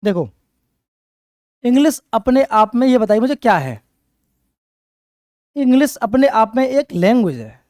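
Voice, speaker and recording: A man's voice: extremely high pitch, big pitch swings, measured pace, long pauses, a little mellow, no room sound. A man teaching for competitive exams, repeating words and questioning students in a call-and-response style. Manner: repetitive call-and-response drilling; writes on a board while explaining. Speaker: English teacher. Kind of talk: exam-prep classroom lecture.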